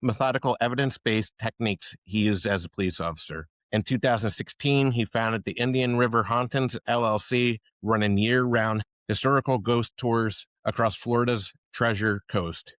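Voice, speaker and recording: A man hosting a podcast who reads out a guest introduction in a measured, slightly stumbling way and asks questions. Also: medium pitch, steady tone, fairly bright tone, no room sound. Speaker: podcast host. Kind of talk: podcast interview, reading an introduction.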